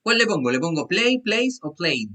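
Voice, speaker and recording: A man's voice: high-pitched, very animated, normal speed, bright, forceful tone. A male English teacher, explaining grammar rules step by step and often checking in with "¿ya?". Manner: checks in with "¿ya?" after each point. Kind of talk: online class explanation in Spanish.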